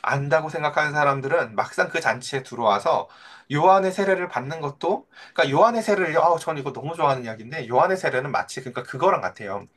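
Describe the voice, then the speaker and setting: A man's voice: fairly high pitch, fast talker. A middle-aged male pastor preaching in a conversational way, asking his listeners questions and acting out the voices in his stories. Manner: animated, acts out quoted voices of children and Jesus. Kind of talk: sermon.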